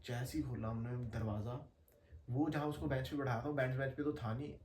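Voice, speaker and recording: A young man telling a story in casual, slangy chat, animated and laughing as he goes. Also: mid-range voice, brisk, far from the mic, a little hiss or hum. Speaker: podcast guest storyteller. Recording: echoey room, faint ambience.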